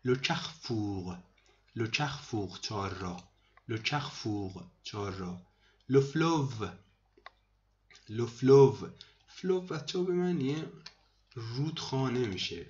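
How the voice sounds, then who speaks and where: A man teaching vocabulary to students in a screen lesson, repeating each word slowly and explaining it. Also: mid-range voice, expressive, lo-fi sound. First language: Persian. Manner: repeats words slowly, addresses students as kids. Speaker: language teacher.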